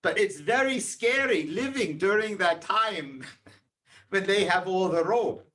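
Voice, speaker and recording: A man's voice: sits high, animated, slow, fairly bright tone, pitched above the performer's own voice, exaggerated voice. A man quoting a blunt older soldier father.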